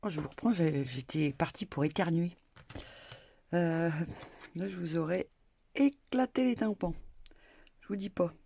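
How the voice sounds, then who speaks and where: A woman's voice: fairly low pitch, normal speed, gravelly, pauses often, warm tone. An older woman, a grandmother, chatting her way through a crafting tutorial at home, rambling with many hesitations and small asides. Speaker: crafting vlogger. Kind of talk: casual crafting tutorial chat. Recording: faint background noise and clicks.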